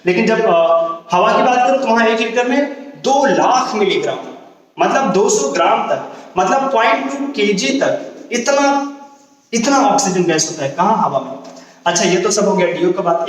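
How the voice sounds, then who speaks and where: A male chemistry teacher giving a classroom lecture, explaining with questions and repetition and mixing Hindi with English terms. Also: high-pitched. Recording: echoey room, voice from far off.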